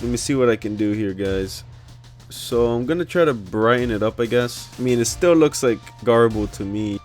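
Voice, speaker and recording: Male gaming creator, medium-pitched, informal think-aloud commentary with music underneath. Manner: rambling, informal, thinking out loud. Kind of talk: casual screen-recorded commentary. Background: background music.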